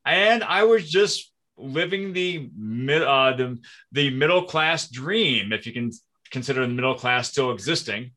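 Man in his forties, from Minnesota, casual podcast guest, chatty storyteller, bright tense tone. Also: mid-range voice, animated, a little slow. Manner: chatty, self-deprecating storyteller. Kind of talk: casual conversation.

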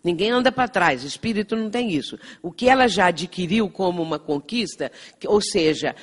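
A woman's voice: lowish voice, lively intonation, a little fast. A woman with a Brazilian Portuguese accent gives a lecture, earnest and explanatory. She keeps tagging her points with little checks to the listeners. Her voice rings with the long reverb of a hall. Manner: earnest, explanatory, frequent "não é?" tags. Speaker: spiritist lecturer. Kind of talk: lecture with anecdotes.

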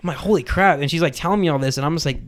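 A man's voice: a little high, racing. A man hosting a podcast, telling a story in casual chat and filling his talk with "like". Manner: rambling, fills talk with "like". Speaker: podcast host.

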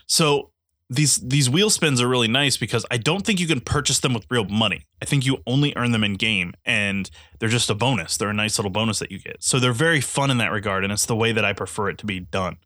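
A man's voice: medium pitch, brisk, pushed and bright, no echo, clean studio sound. A congested man giving a casual spoken game review, eager and rambling, with many restarts. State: congested, stuffy nose.

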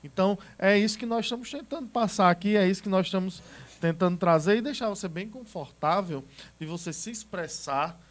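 A podcast host asks rambling questions and jokes in a relaxed, informal way. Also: medium pitch, a little fast. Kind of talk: casual interview chat.

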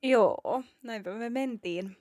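A woman's voice: a little high, a little mellow, a little hiss or hum. A woman co-hosting a casual comedic podcast, chatty and playful. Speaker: podcast co-host.

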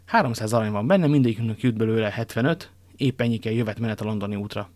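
A man's voice: on the low side, darkish tone, dry recording, close to an everyday voice. D'Artagnan, a man doing a firm young guardsman. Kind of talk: audiobook character reading.

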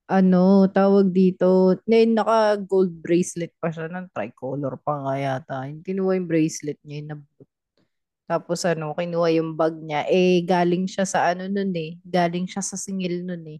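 A woman's voice: lowish voice, steady tone, normal speed, warm tone, no room sound. A young woman from Tondo co-hosting a podcast, laughing often and chiming in with jokes in a casual chat. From Tondo, Manila, Philippines. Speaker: podcast co-host.

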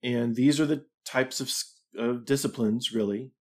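A man's voice: mid-range voice, steady tone, moderate pace. A middle-aged man hosting a livestream, talking casually and reflectively, with fillers and restarts. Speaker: livestream host.

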